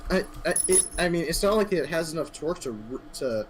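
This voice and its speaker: Man, teasing joking remarks, lively pitch, voice chat audio, faint hiss. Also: fairly quick. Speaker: guest friend. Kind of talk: casual chat.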